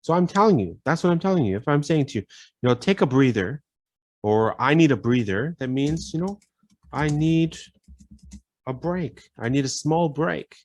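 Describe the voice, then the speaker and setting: A man teaching a casual English vocabulary lesson, repeating phrases and filling pauses with "you know". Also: a little high, expressive, a little mellow, no echo.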